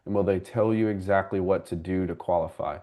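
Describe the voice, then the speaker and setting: A man with a fairly low voice leads a live class on buying a home. He works through audience questions one by one in a relaxed, conversational way, calling people by name as he explains. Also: fairly quick. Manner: conversational, explains step by step and addresses viewers by name. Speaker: mortgage broker and class host.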